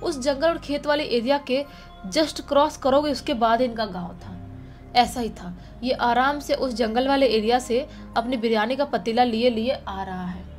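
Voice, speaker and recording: A woman's voice: on the high side, normal speed, faint music behind. Chatty woman telling a spooky tale. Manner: chatty, repeats phrases for effect. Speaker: storyteller. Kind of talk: casual spoken storytelling.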